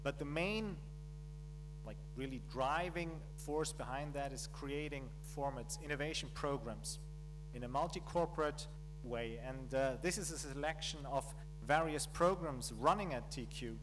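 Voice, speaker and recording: Man giving a conference keynote over hum. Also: on the high side. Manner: measured, pausing with fillers. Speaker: keynote speaker. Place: conference hall. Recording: mains hum in background.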